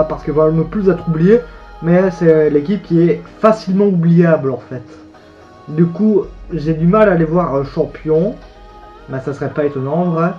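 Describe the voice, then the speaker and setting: This French-speaking YouTuber, a young man with a fairly high-pitched voice, offers loose, meandering wrestling predictions on his own. The dull-sounding recording catches plenty of pauses and self-corrections.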